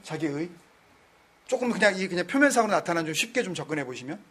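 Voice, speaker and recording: A man's voice: high voice, lively intonation, fast, fairly bright tone. A man teaching a Bible study in a conversational way, mixing in English words and keeping his listeners answering his questions. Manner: keeps quizzing his listeners.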